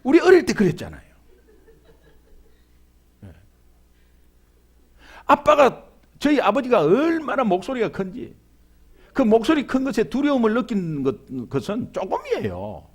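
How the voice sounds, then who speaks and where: A middle-aged male pastor from Busan with a Gyeongsang accent, preaching a humorous, animated sermon and acting out the voices he quotes. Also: extremely high pitch, measured pace, pauses often. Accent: Gyeongsang (Busan) Korean. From Busan, South Korea.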